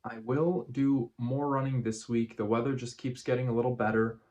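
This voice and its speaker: A man giving a casual running vlog recap in measured, deliberate phrases with frequent pauses. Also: mid-range voice, flat delivery, darkish tone. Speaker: running vlogger.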